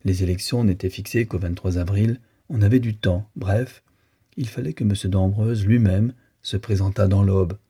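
A man reading a classic novel aloud as an audiobook narrator, in a measured, even manner. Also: on the low side, husky. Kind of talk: scripted literary narration.

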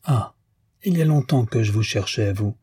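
A man voicing an impatient young gentleman in a storybook reading, sharp and exasperated. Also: on the low side, expressive, normal speed, slightly rough.

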